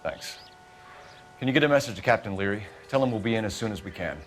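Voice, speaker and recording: Man acting a tough cop, lively American detective. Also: lowish voice, fast talker, slight background noise, lightly acted. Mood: businesslike, curt. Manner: tough cop, clipped and threatening. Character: tough American male police detective, blunt, intimidating. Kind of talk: video game crime drama acting.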